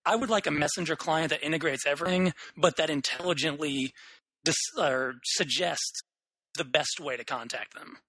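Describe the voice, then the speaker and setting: A young man with a fairly high voice gives blunt opinions on a tech podcast. He thinks out loud and restarts his sentences as he goes. The sound is dry and close to the mic. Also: normal speed, husky, no room sound, low-quality recording. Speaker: podcast co-host. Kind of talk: casual tech podcast chat.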